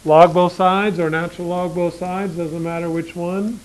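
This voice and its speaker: A man with a slightly high voice teaches a classroom math lesson in a loose, joking way. He keeps asking the class questions as he works through each step on the board. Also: little pitch movement, normal speed, poor audio. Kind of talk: classroom lecture.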